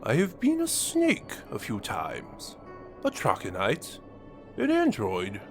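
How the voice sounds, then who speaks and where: A man's voice: medium pitch, huge pitch swings, faint music behind, heavily acted. A man playing a menacing, gloating villain mastermind in a fan audio drama monologue, with a sneering, theatrical delivery. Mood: brooding boast. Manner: theatrical, sneering, drawn-out delivery swinging between whispers and outbursts.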